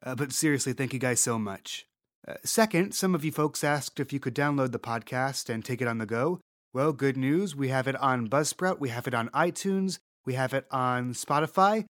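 A man narrating a tabletop game as host, relaxed with playful asides. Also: medium pitch, moderate pace, no room sound, studio quality. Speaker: game master and podcast host.

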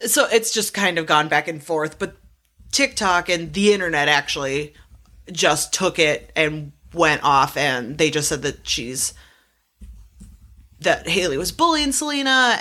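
A woman's voice: low voice, sharp tone. A young adult woman co-hosting a podcast in casual chat, talkative, swearing freely and laughing often. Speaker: podcast co-host.

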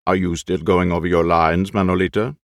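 A man's voice: low voice, steady tone, fairly quick, no echo, clean studio sound. A man performing a nervous, vain, aging Spanish stage actor who talks in theatrical, frantic outbursts. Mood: boastful.

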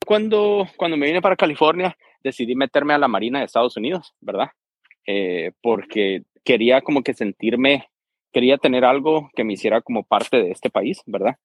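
A Guatemalan man in his 30s, a podcast guest in a casual interview, speaks hesitantly and keeps tagging his sentences with "¿verdad?" His voice sits in the mid range, his speed is normal, and there's no echo.

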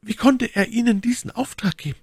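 A cunning, scheming noblewoman who speaks high and urgent, her voice leaping around with intensity, as a male audiobook reader puts her on. The recording is close and dry. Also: lively intonation, a little fast, creaky, husky, dry recording, exaggerated voice. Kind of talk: audiobook reading.

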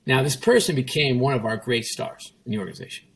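With a crowd audible in the background, a medium-pitched, gravelly-voiced former chief executive tells a story at a quick pace, his pitch swinging widely. In this casual interview as a guest, he's emphatic and repetitive, often quoting himself and others.

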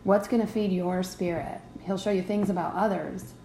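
Gravelly woman teaching a devotional podcast. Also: mid-range voice, fairly even intonation, moderate pace, dark tone, echoey room, slight background noise, poor audio. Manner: conversational, checks in with "right?" and "okay?". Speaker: podcast host teaching faith.

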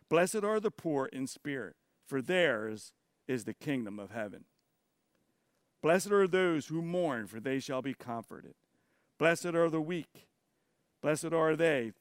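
A man preaching as pastor, reading scripture in a measured way and stressing key words. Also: mid-range voice, dry recording, studio quality. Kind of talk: sermon and interview.

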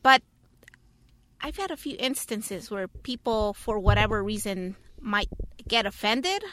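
A woman's voice: mid-range voice, lively intonation, a little slow, fairly bright tone, slight background noise. A woman talking in a casual conversation, earnest and polite, explaining her view with frequent fillers.

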